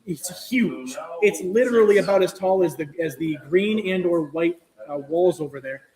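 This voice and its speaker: A man's voice: high voice, animated, moderate pace, darkish tone, poor audio. A man narrating as game master in a casual, descriptive way, with players chattering around him.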